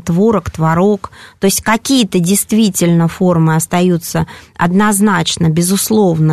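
Female language expert, low and gravelly, dry close mic, measured and hesitant. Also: a little mellow, no room sound. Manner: measured, explanatory, with frequent hesitations. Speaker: language expert answering callers. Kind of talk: radio call-in answers.

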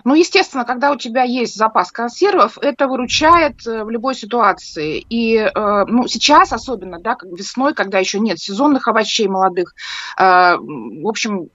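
A woman's voice: fairly high pitch, expressive, moderate pace, a bit bright, no room sound. A woman answering interview questions as a cookery expert guest over a video call. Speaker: guest, cook and cookbook editor. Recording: dull, muffled video-call audio.

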